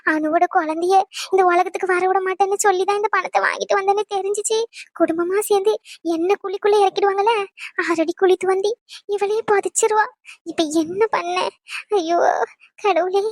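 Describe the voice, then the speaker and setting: A woman's voice: very high voice, no room sound, clean studio sound. A woman voicing a panicky, pleading old grandmother in a cartoon who keeps begging to be left alone. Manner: pleading, whining. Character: frantic old grandmother hiding a pile of cash.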